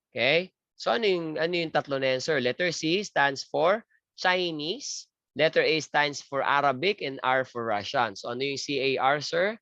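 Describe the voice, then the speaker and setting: A man's voice: medium pitch, a bit bright, dry recording. A man giving an exam review lecture, joking crudely and asking and answering his own questions. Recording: dry, muffled lo-fi lecture audio.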